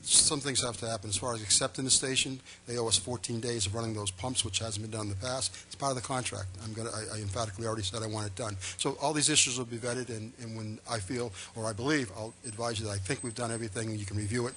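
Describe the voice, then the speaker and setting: A man with a bright, forceful voice addresses a town board from a meeting-room table microphone. He speaks emphatically and reassuringly, with formal courtesy. His delivery sounds like an official giving public testimony. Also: medium pitch, fairly even intonation, fast talker, hardly any pauses, slight background noise.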